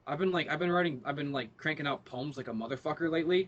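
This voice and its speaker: A man's voice: on the high side, fast, a bit bright, muffled recording. A young man co-hosting a podcast, chatting casually and ranting with a lot of profanity. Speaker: podcast co-host. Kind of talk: casual chat.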